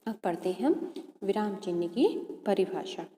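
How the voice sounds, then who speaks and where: A woman's voice: medium pitch, animated, normal speed, warm tone. A woman teacher giving a patient grammar lesson to children, often checking they follow. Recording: echoey room with long reverb.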